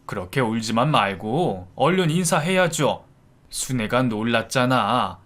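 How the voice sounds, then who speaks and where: A man voicing a stern, protective older gentleman in a storybook narration. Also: mid-range voice, sing-song, unhurried, pitched below the performer's own voice. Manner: stern, commanding.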